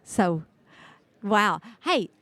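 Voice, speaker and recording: A woman co-commentating on a contest in a casual, conversational way, somewhat halting as she thinks aloud. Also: medium pitch, big pitch swings, fairly bright tone, dry recording. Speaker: co-commentator, former contest winner.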